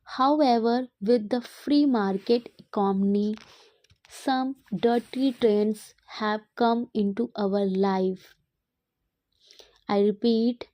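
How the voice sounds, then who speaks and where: A woman teacher dictating an English passage in short, separated phrases, pausing deliberately between them. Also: mid-range voice, dark tone, dry recording. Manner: dictating word group by word group with deliberate pauses.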